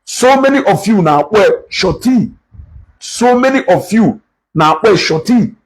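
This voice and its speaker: Husky Nigerian man lecturing his viewers. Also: high-pitched, expressive, moderate pace, poor audio. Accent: Nigerian, Igbo-speaking. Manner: switches between English and Igbo, lecturing. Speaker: live-stream host. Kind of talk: casual live-stream commentary.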